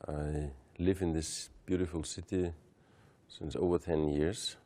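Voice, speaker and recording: A hotel manager from Austria speaks in a steady, businesslike way. His voice is extremely deep, dark and mellow. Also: a little slow.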